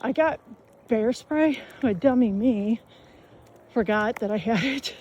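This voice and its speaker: A woman's voice: a little high, slow, a little mellow, slightly rough, dull audio. A woman telling a camping story while walking outdoors, out of breath, rambling and colloquial with lots of fillers. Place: outdoors on a riverside trail.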